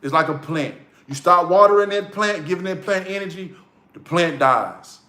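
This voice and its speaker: Brief: man, fairly high voice, casual motivational vlogger, blunt and profane, echoey room. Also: normal speed, sharp tone. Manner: blunt, profane, repeats key lines for emphasis.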